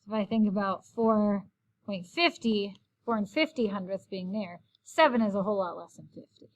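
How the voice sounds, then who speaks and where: A woman's voice: mid-range voice, normal speed. A woman teacher walking through a recorded math lesson, explaining each step in a friendly, patient way.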